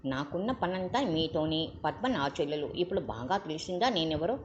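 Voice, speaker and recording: A woman's voice: sits low, animated, normal speed, slight background noise. A woman voicing an indignant young male doctor who sternly questions others, on a muffled recording.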